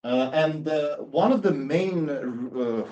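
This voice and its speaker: A man's voice: a little high, lively intonation, slow pace, mellow, dull audio. A man in his thirties from Serbia, giving an academic lecture with many fillers and restarts. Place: university seminar room.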